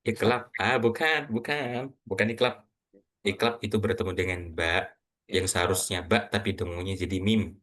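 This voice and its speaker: A man teaching Quran reading to a class, quizzing students and slowly reciting example words. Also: lowish voice, steady tone, fairly bright tone. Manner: patient, asks students questions, models recitation slowly.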